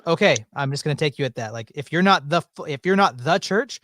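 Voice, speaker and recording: A man's voice: fairly high pitch, lively intonation, brisk, a bit bright, dry recording, clean studio sound. A young man from the American South with no accent, talking casually in a panel discussion, full of fillers. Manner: rambling, filler-heavy.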